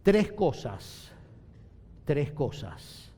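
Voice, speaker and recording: A middle-aged male pastor preaching a sermon, emphatic, repeating key phrases and slowing down to stress them. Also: fairly high pitch, big pitch swings, dark tone, husky. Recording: long hall reverb.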